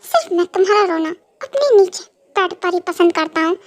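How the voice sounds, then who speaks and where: A woman's voice: extremely high pitch, lively intonation, brisk. A woman voicing a possessive, menacing young mafia husband in an amateur fan dub, talking in cold, mocking threats and commands.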